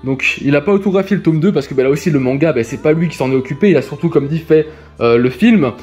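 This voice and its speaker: A man's voice: fairly high pitch, quick pace. Chatty man showing his haul. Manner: chatty, many fillers and repeats, excited. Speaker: vlogger showing convention purchases. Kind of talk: casual unboxing vlog.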